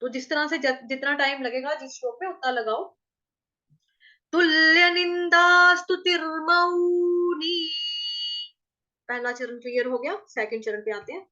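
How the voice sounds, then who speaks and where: A woman with a Hindi accent, teaching Sanskrit verse pronunciation, sings phrases in long drawn-out tones and quizzes her students patiently. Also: high voice, a bit bright, highs cut off. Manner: drawn-out sung model phrases, then quick plain explanations. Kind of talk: slow line-by-line pronunciation lesson.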